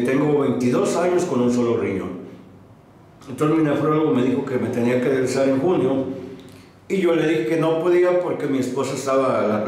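A man's voice: mid-range voice, a little mellow. A man in his sixties, a patient telling his story in an interview, hesitant with many fillers and restarts, recorded in a small medical office. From Mexico. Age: 60s. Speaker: patient giving a testimonial. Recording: echoey small room, faint noise.

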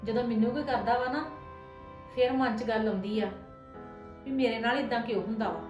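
A woman's voice: on the high side, roomy sound, over music, lightly acted. A woman acting a young wife who feels wrongly blamed, speaking in a pleading, defensive way. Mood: hurt. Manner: pleading and defensive, quick talk. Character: hurt young wife, earnest and tired of blame. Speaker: daughter-in-law in a family drama. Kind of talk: scripted domestic drama acting.

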